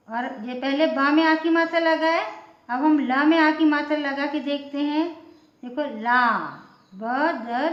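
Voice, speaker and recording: A woman teaching a Hindi lesson at a board, spelling out sounds one by one. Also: high-pitched. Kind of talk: blackboard lesson for beginners. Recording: echoey room, dull lo-fi sound.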